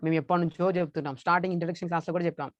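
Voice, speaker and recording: Fast-talking male speaking coach. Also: a little high, steady tone, no echo, dull audio. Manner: emphatic, repeats key points, mixes English terms. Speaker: motivational speaker and trainer. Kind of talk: training lecture on public speaking.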